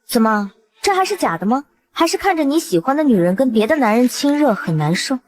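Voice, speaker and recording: A woman's voice: high-pitched, big pitch swings, a little fast, darkish tone. An actress playing a teasing, defiant young woman who stands up to her critics. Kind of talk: short drama acting.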